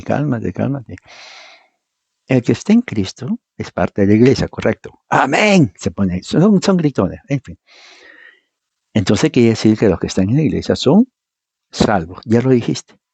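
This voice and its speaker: Preacher, male, emphatic and argumentative, mellow husky tone. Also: lowish voice, big pitch swings, moderate pace, no echo. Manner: emphatic, argumentative, repeats points, mimics others. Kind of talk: informal teaching sermon. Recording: dull, muffled dry sound.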